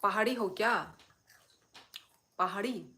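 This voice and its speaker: Speaking slowly in a bright, forceful medium-pitched voice, a young woman from Tripura in northeast India hosts a casual phone livestream. A native Kokborok speaker, she eats and chats away, responding to viewer comments with playful talkativeness.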